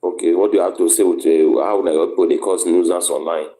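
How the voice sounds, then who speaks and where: A man's voice: deep voice, steady tone, quick pace, mellow. A Nigerian man moderating an informal discussion in Pidgin, cutting in and repeating short phrases. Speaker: moderator of an online debate.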